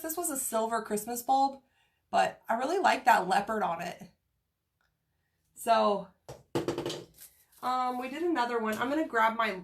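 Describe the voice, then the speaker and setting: Brief: woman, congested and scratchy from a cold, chatty rambling craft livestreamer, slightly high voice. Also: creaky. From Kansas, USA. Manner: chatty, rambling, greets viewers by name. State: getting over a cold. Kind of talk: casual craft livestream chat.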